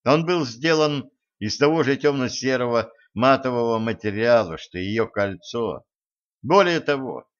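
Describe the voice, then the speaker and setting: Male audiobook narrator, brisk lively storybook reading, dull lo-fi sound. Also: medium pitch. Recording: dull lo-fi recording.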